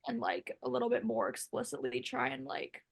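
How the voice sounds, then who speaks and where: A woman's voice: rumbling low, wildly swooping pitch, fairly quick. A young woman, a former contestant, chatting casually in an interview and rambling with many fillers. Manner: rambling, full of "like" and "um".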